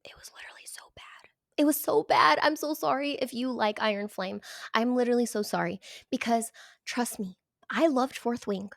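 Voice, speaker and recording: A woman talking casually as a book reviewer, animated and emphatic, sometimes dropping into a whisper. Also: on the high side, moderate pace, vocal fry, no echo, clean studio sound. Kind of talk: casual chat.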